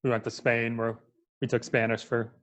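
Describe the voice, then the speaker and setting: A man from Michigan chatting as a podcast guest, relaxed and full of "like" fillers. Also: mid-range voice, normal speed. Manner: relaxed, filler-heavy, lots of "like". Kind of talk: casual interview chat.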